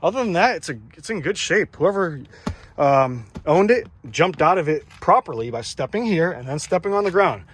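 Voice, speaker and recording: Outdoors beside a parked truck, a man selling it gives a casual walkaround, rambling enthusiastically with plenty of ums and uhs. His voice is fairly high, bright and breathy-edged, animated at a moderate pace.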